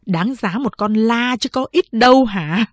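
A woman's voice: fairly high pitch, a little slow, no room sound, studio quality, close to an everyday voice. A woman voicing a stern old grandmother in a storybook reading, scolding in a grumbling way.

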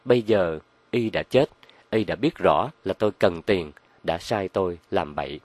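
A man reading a crime novel aloud as narrator, in a measured storytelling manner. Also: low voice, darkish tone, no echo.

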